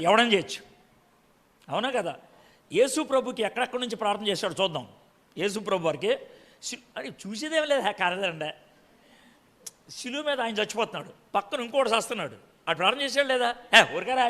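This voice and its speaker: A man's voice: high voice, bright, forceful tone. A male pastor preaching a sermon, constantly firing rhetorical questions at the congregation and scolding them. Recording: long hall reverb.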